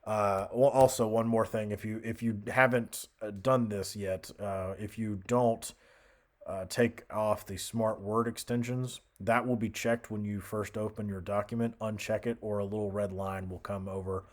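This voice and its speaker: A man giving a casual software tutorial as an instructor, hesitant and thinking aloud as he goes. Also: fairly low pitch, steady tone, normal speed.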